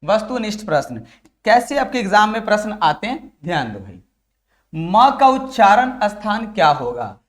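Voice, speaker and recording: High-voiced Hindi grammar teacher drilling students. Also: male voice, very animated, normal speed, fairly bright tone. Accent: Bihari Hindi. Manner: drills students with repeated questions and answers; addresses viewers as dear children. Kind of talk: exam-prep lesson.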